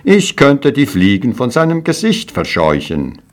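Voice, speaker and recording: A man's voice: medium pitch, huge pitch swings, measured pace, pitched above the performer's own voice. A man doing a simple-minded shepherd, raised and eager. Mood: proud.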